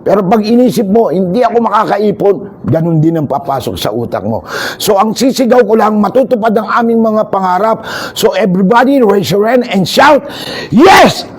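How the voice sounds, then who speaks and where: A man giving an energetic, joking seminar talk to overseas workers, calling out to listeners and leading shouted chants. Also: high voice, moderate pace, breathy edge.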